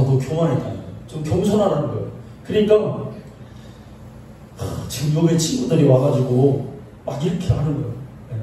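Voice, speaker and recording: A man's voice: a little high, dark tone. A man preaching a conversational sermon as a pastor, often calling out to his congregation and acting out the voices of the people in his story. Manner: calls out to the congregation, acts out quoted voices. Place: church sanctuary. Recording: echoey church from far off, faint noise.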